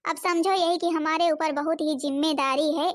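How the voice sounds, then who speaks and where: A woman's voice: sits high, fairly even intonation, moderate pace, lightly acted. A woman voicing a stingy, bossy young stepmother who scolds and complains in a cartoon. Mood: scolding. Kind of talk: cartoon voice acting.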